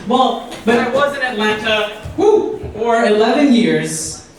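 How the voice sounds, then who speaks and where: A young man from Pakistan doing a stand-up comedy set, self-deprecating and punchy, pausing for laughs. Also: very high voice, lively intonation. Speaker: stand-up comic. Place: live event room with audience. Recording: echoey venue mic heard from far off with crowd.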